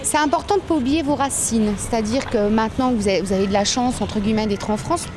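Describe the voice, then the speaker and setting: A woman's voice: on the high side, fast talker. Earnest woman giving advice outdoors. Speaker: interviewee. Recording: street noise.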